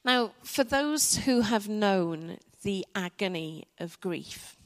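A woman preaching a sermon to her church, reflective and measured, with soft dramatic pauses. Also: medium pitch, expressive. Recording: church hall with long reverb.

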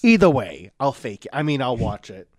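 A man co-hosting a podcast, chatting casually with jokey deadpan asides. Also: medium pitch, moderate pace, no echo, studio quality. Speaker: podcast co-host. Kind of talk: casual chat.

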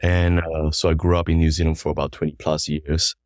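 A man in his thirties from Malaysia, a worship ministry leader telling his story in a podcast interview, halting with many restarts. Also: a bass voice, little pitch movement, a little mellow, dry recording, clean studio sound.

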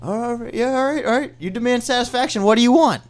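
A man's voice: very high voice, fast talker, pitched above the performer's own voice. A man voicing a group of nervous restaurant managers who anxiously try to please. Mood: placating.

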